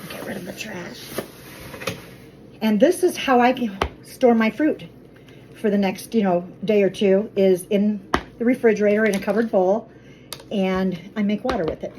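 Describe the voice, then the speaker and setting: A woman's voice: medium pitch, normal speed, pauses often, background noise. A woman chatting casually as she makes fruit water in her home kitchen. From Colorado. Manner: chatty, friendly, talks while cooking. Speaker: vlogger.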